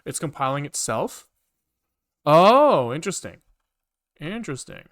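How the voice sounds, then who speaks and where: Over the clatter of typing and mouse clicks, a man comments casually while live coding, muttering, repeating himself and swearing from time to time. His voice sits on the high side and is sing-song, a little slow and fairly bright. The studio-quality audio has no room sound.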